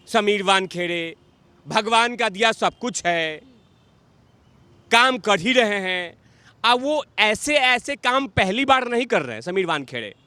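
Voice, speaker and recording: A man's voice: very high voice, sharp tone, no echo. A man giving heated political commentary, combative and mocking, repeating phrases for emphasis.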